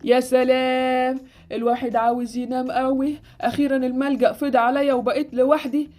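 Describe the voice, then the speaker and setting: A woman's voice: high voice, little pitch movement, a little fast, darkish tone, natural voice. A woman voicing a sleepy, fussy old man who runs an orphanage, with an Egyptian accent, in a Roblox story with light music behind. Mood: fussing. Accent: Egyptian Arabic.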